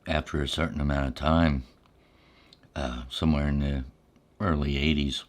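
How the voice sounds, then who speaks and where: With a steady tone and a deep, low voice, a middle-aged or older American man reminisces in a casual, rambling ASMR style. Pauses come frequently as he talks.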